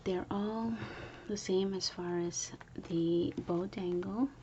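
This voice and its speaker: Woman whispering a casual craft show-and-tell at home, low voice, hiss in the background. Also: steady tone, slow pace, muffled recording. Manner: soft whispering, chatty, with fillers. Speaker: crafter showing handmade planners. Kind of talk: whispered early-morning craft video. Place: home, early morning.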